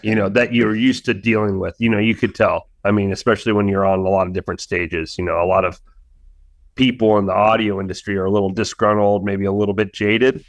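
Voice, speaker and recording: A man from Arizona raised in Indianapolis, a music producer chatting as an interview guest, friendly and quick to laugh. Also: fairly low pitch, fairly even intonation, dry recording. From Indianapolis, raised; born in Arizona. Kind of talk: casual interview chat.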